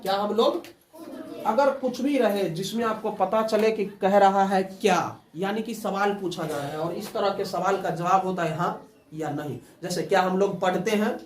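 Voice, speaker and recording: A man's voice: high-pitched, moderate pace. Male classroom teacher running call-and-response drills, recorded distant in a roomy space. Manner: call-and-response drilling, prompting students to answer. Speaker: English teacher. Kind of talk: classroom lesson. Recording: roomy, from far off the mic.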